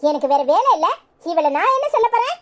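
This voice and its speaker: A woman voicing a sharp-tongued, resentful young wife in a cartoon, with a Tirunelveli Tamil accent and quick cutting complaints. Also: extremely high pitch, very animated, full character voice. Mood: angry. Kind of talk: cartoon voice acting.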